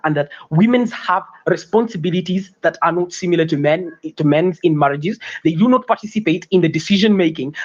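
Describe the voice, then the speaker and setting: A teenage student debater from Uganda delivering a competitive debate speech, often stumbling, repeating words and correcting himself. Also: male voice, high-pitched, highs cut off. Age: teens.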